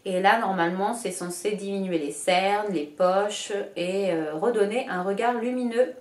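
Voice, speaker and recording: A woman's voice: mid-range voice, a little slow. A woman from France chatting casually about her shopping haul, with many hesitations and self-mocking asides. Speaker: beauty vlogger. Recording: echoey room.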